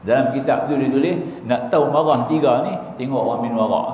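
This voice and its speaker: A man's voice: medium pitch, fast talker. A man giving a religious lecture, telling stories with humor and often asking the listeners whether they see his point. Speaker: religious teacher. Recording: echoey hall, dull lo-fi sound, faint hiss.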